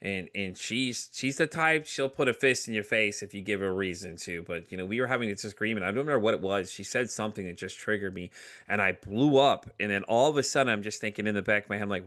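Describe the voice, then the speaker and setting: Low-voiced middle-aged man, candid storyteller. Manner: animated, acts out quoted voices, frequent fillers. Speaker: podcast guest.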